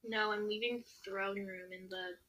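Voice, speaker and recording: An excitable woman on a voice call, narrating her game and reacting loudly to whatever happens on screen. Her voice is very bright and sharp, pitched in an ordinary middle range. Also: moderate pace, low-quality recording. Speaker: guest friend. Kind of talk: casual chat while gaming.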